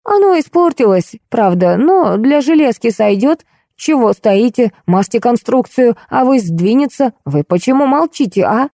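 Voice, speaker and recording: A woman voicing a flustered, fussy housekeeper in an audiobook, in a shrill raised voice. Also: very animated, measured pace, mellow, no echo, studio quality.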